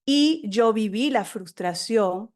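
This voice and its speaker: A middle-aged woman with a fairly high voice, a native Spanish speaker and a talkative storyteller. She talks as an author being interviewed on a podcast, warm with anecdotes and lively. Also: slow pace. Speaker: guest author.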